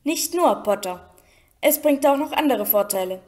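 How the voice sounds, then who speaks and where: Woman reading as sneering boy wizard, drawling, mocking, high voice, storybook reading. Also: expressive, normal speed, darkish tone. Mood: smug whining.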